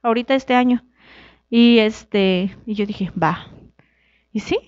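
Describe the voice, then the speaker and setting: A woman's voice: slow pace, dry recording, highs cut off. A young woman from Mexico, a wrestler being interviewed, telling her story casually and acting out the dialogue. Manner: animated, acts out quoted dialogue with shifting pitch. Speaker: guest, wrestler.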